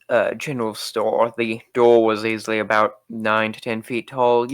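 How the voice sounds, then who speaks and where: A man narrating as game master in a casual, halting way. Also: mid-range voice, fairly bright tone, clear, resonant tone, no room sound. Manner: casual, with frequent fillers.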